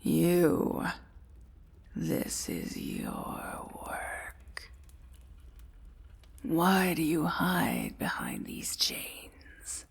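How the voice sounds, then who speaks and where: In a soft-spoken fantasy ASMR roleplay, a woman plays a domineering, dangerous dragon queen, breathy and often whispering in formal, imperious language. Her deep voice swoops wildly in pitch and moves very slowly with frequent pauses, heavily acted and menacing.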